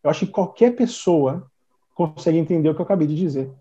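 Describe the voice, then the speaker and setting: A man's voice: on the high side, quick pace, dark tone. A man teaching in a casual conversation, giving tips in an instructive manner. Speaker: English teacher guest. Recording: dull muffled sound.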